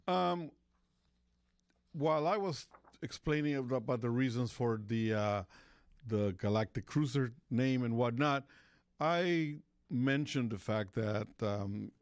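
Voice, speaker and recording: A man's voice: mid-range voice, no echo, studio quality. A man from Costa Rica hosting a talk radio show, rambling in casual chat with lots of fillers and restarts.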